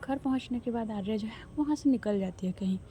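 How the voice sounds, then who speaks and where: A woman storyteller who narrates in a casual, chatty way and corrects herself as she goes. Her voice is deeply mellow and dark in tone while sitting a little high, with a faint hiss behind it. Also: fairly quick.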